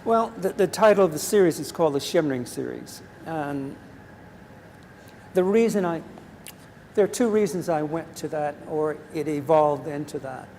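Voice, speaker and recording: An older man in his seventies speaks with a gravelly texture and a slightly raised pitch, talking slowly and thoughtfully about his work. His voice carries through a reverberant gallery space. A faint hum sits underneath. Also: animated, darkish tone. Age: 70s. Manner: measured, reflective, pauses with ums. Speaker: artist. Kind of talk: gallery conversation. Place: large art gallery.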